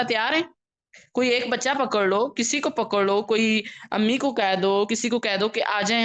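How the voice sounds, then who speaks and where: Teaching an online Quran recitation class in a medium-pitched, slightly bright voice, a woman slowly draws out every letter sound as she demonstrates. She checks in with her students frequently.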